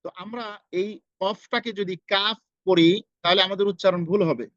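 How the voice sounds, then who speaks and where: A man with a Bangladeshi Bengali accent teaching Quran pronunciation, saying each letter over and over, slow and patient. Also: sits high, fairly bright tone, no echo, muffled recording. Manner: slow, repeats each sound several times. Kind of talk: pronunciation lesson.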